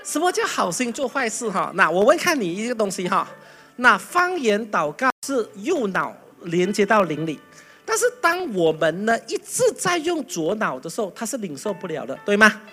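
Animated preacher. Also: mid-range voice, normal speed, faint music behind. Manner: animated, loud bursts, mimics chanting. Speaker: pastor. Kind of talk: lively sermon with acted stories.

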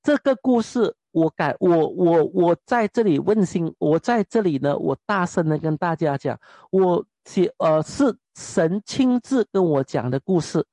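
High-voiced, animated male preacher. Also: unhurried, no room sound. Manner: animated, keeps asking the audience rhetorical questions. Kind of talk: sermon testimony.

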